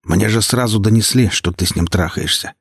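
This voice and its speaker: A man voicing a cold, menacing gangster boss in his forties who talks in a slow, flat, contemptuous way in an audiobook. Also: on the low side, gravelly, husky, no echo, studio quality.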